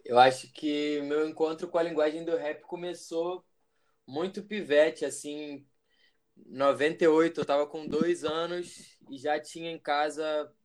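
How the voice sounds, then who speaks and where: A man in his twenties from Brazil, a musician guest talking in a relaxed, reflective way about his path. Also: fairly high pitch. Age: 20s. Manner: relaxed, reflective, rambling with fillers. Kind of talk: casual interview.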